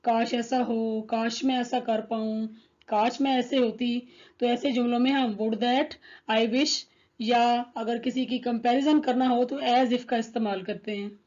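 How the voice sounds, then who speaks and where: A woman teaching an English grammar lesson, reading each example sentence slowly and deliberately. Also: on the high side, steady tone, a little mellow. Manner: slow, deliberate, reads English examples word by word. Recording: dull lo-fi recording.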